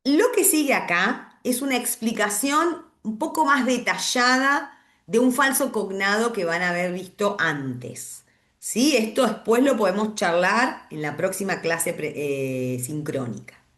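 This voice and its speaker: A woman's voice: medium pitch, expressive, a little slow, fairly bright tone, echoey room. A woman giving a recorded class, explaining step by step and checking in with frequent "¿sí?". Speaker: English teacher.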